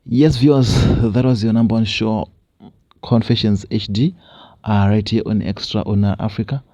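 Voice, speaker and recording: A man's voice: fairly low pitch, fairly even intonation, moderate pace, warm tone, dry recording. A male host who reads listener confessions aloud, then preaches to his audience in a repetitive, exhorting way. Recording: dull lo-fi recording.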